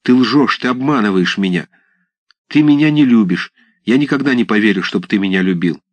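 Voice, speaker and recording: A man's voice: fairly low pitch, lively intonation, fairly quick, no room sound. A man voicing a young village woman in a storybook reading, reproachful and accusing.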